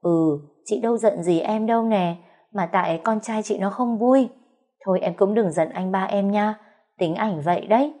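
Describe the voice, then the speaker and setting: A shrill, spoiled pregnant sister-in-law in an audio story, put on by a woman narrator. She speaks in a whiny, fake-sweet voice that sits higher than the narrator's own. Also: normal speed, dark tone, natural voice.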